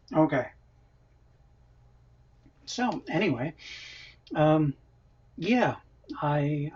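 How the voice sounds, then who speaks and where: Eating on a cooking livestream in his home kitchen, this man laughs a lot, chats away, and reads viewers' comments aloud. His voice is mid-range, husky and darkish, picked up by a built-in camera microphone with dull lo-fi sound.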